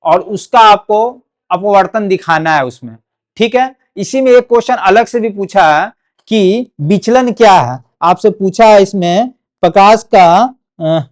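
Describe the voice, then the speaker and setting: A young man with a Bihari Hindi accent teaching a board exam physics lesson, repeating key terms and checking in often with "okay". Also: high-pitched. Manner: repetitive, drills key words, frequent "ठीक है".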